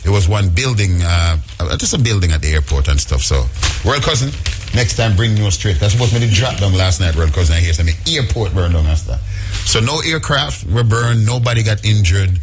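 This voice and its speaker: A man's voice: lowish voice, a little fast, over music. A man hosting a radio show, chatting casually with playful jokes. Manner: playful, joking, animated. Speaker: radio host.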